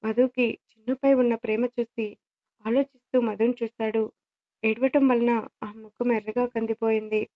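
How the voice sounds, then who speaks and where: Woman narrating a story, flat and slightly high. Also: moderate pace. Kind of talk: scripted narration. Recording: dull lo-fi audio.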